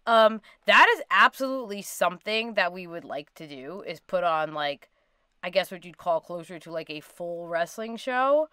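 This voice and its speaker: A woman's voice: on the low side, lively intonation, normal speed, bright, forceful tone, clean tone, no echo. A woman co-hosting a casual livestream chat, talking informally with lots of "like" as she reads out audience questions. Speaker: co-host reading audience questions.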